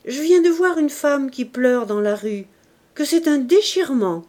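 Emphatic village neighbour in a storybook reading, voiced by a woman reader, slow. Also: high-pitched, animated, a little mellow, voice pushed up. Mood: shocked.

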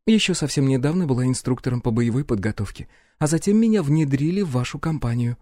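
A man voicing a calm, teasing young woman, a former sport shooter. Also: mid-range voice, fast talker, no echo, clean studio sound, pitched above the performer's own voice, lightly acted. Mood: wry, calm.

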